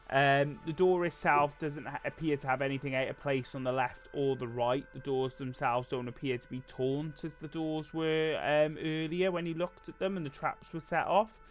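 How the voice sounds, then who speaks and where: Guy narrating as dm, kinda hesitant, lots of ums, mid pitch, faint music behind. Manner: laid-back, hesitant with frequent ums. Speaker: game master. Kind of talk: narrating a tabletop game.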